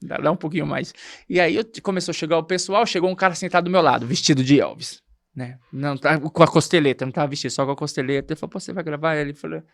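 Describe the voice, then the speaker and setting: Lively Brazilian man telling a story. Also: a little high, very fast, gravelly, no room sound, clean studio sound. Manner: lively storyteller acting out quoted dialogue. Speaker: guest, nursing technician and actor. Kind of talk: animated anecdote in casual chat.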